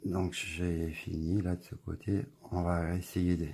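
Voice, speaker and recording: Low gravelly man reviewing a phone. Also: a little slow. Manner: relaxed, rambling, filler-heavy commentary. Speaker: tech reviewer. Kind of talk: casual product review.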